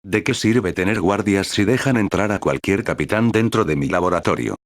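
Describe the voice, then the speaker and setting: A man's voice: sits low, normal speed, no echo, clean studio sound. Man reading as a snappish scientist captain. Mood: exasperated. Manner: snappish, complaining. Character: irritable sneering male mad scientist captain.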